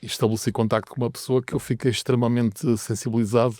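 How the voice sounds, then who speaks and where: A man's voice: medium pitch, flat delivery, quick pace, mellow, no room sound, clean studio sound. A middle-aged man from Portugal with a European Portuguese accent, telling wry stories as an interview guest, with hesitant restarts. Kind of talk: anecdotal interview answers.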